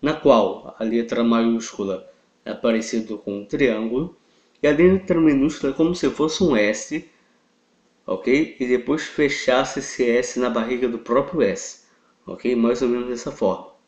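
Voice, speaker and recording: A man with a Brazilian Portuguese accent teaching a live online class, patient and checking in with "ok?" after nearly every point, clearing his throat and coughing now and then. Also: medium pitch, a little slow, a little mellow. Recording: roomy, dull lo-fi sound.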